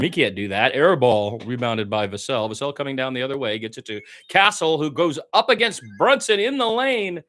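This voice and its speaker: A man calls basketball play-by-play in an informal, radio-style manner, dropping in blunt, conversational and opinionated asides. His voice is mid-range with a fairly bright tone.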